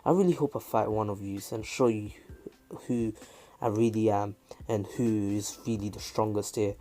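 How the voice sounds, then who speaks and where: A man's voice: lowish voice, normal speed, mellow, lightly acted. A man voicing a brash, cocky teenage boy ninja, talking blunt and taunting in a fan story.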